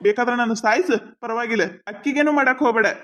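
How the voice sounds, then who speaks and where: A woman's voice: on the high side, fast talker, fairly bright tone, lightly acted. A woman with a North Karnataka Kannada accent voicing a henpecked village husband in a cartoon comedy, pleading and placating. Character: henpecked village husband caught between two women. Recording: dull lo-fi sound.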